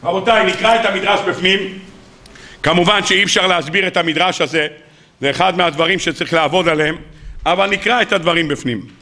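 A rabbi giving a weekly Torah sermon, animated, asking rhetorical questions and acting out the sages he quotes. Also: high voice.

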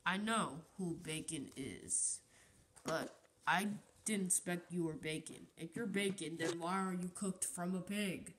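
A woman's voice: on the low side, unhurried, fairly bright tone. A woman voicing a suspicious toy soldier who questions bluntly in a homemade puppet play.

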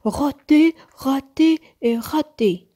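A woman's voice: fairly high pitch, animated, slow, mellow. A woman voicing a fussy, grumpy little boy who grumbles and insists in a storybook. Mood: insistent.

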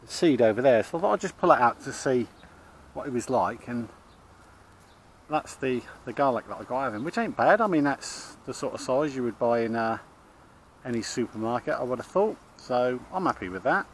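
A man's voice: mid-range voice, fairly bright tone. A man in his forties chats casually as he walks around his allotment. He rambles and restarts his sentences, filling the gaps with ums and uhs. The sound comes from an action camera out of doors, with a faint hum of background noise. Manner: chatty, rambling, many restarts and fillers. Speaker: allotment vlogger. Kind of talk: casual chat. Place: outdoor allotment garden. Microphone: action camera, held or chest-mounted.

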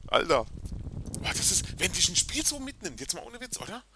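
Excitable man doing gameplay commentary. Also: high voice, brisk, background noise. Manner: chatty, excitable, talks to viewers. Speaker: let's play host. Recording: game music in background.

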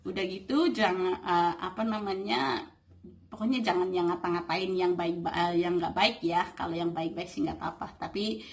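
A woman's voice: lowish voice, steady tone, moderate pace. A woman talking casually to camera, giving advice with many fillers and playfully acting out quoted lines. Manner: chatty, full of fillers, acts out quoted lines. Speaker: vlogger giving dating advice.

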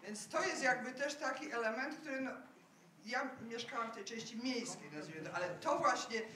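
Bright woman speaking from the floor. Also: a little high, normal speed, slight background noise. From Kraków, Poland. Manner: chatty, storytelling, with hesitations. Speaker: audience member, university lecturer. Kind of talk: question from the floor in a debate. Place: event hall with an audience. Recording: roomy sound from far off the mic.

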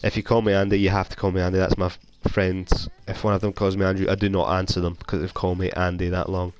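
Low-pitched, level, and quick, the voice belongs to a young Scottish gaming YouTuber who has a cold. He rambles casually and self-deprecatingly while playing a video game, commenting on it through a console headset mic.

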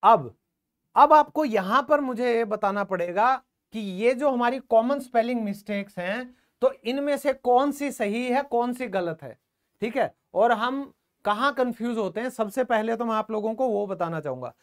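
A man's voice: very high-pitched, normal speed. A man teaching English in an online classroom lesson. He asks the class questions, answers them himself, and repeats the key words. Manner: calls the viewers "friends" often and repeats key words.

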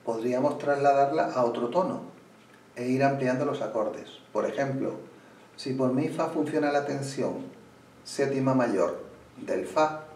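A man teaching flamenco guitar, explaining slowly and pausing as he plays, sometimes restarting a phrase. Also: medium pitch, a little mellow, slight background noise. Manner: unhurried, pauses while playing, restarts phrases. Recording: roomy room, mic at a distance. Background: guitar playing.

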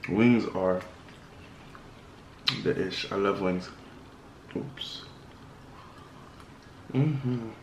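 A man's voice: low voice, drawn-out words, long pauses, roomy sound, a little hiss or hum, poor audio. A man from the Caribbean, a vlogger and DJ, chatting casually and rambling between bites, talking while eating. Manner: relaxed, rambling, with food murmurs. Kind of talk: casual mukbang vlog chat.

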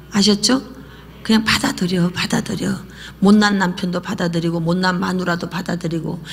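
A woman pastor preaching a lively sermon, often dropping into a whisper and having the congregation repeat after her. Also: fairly low pitch, creaky, slightly rough. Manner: lively preaching, drops to whispers and calls for repetition. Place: church sanctuary. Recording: church hall reverb.

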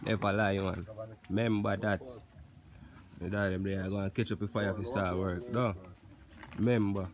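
Talking at a normal speed in a low voice, this young Jamaican vlogger excitedly jokes in loud patois to his phone camera while cooking in a banana-tree yard. He pauses often, and a loud crowd and other outdoor noise fill the background.

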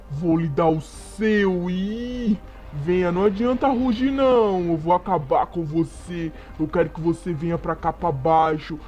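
A man's voice: warm tone, lo-fi sound. A man doing a taunting vengeful dinosaur villain. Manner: taunting, low and threatening.

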